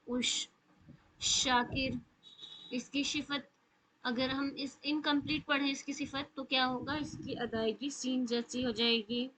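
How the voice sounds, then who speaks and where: A woman teaching a live online recitation class, patiently explaining and slowly sounding out letters as examples. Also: high voice, a bit bright, husky, rough recording. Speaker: tajweed teacher.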